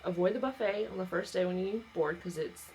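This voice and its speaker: A woman's voice: on the low side, fairly quick, a little mellow, slight background noise, rough recording. A woman with a Southern US accent, chatting casually on a travel vlog and giving tips. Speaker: travel vlogger and travel agent.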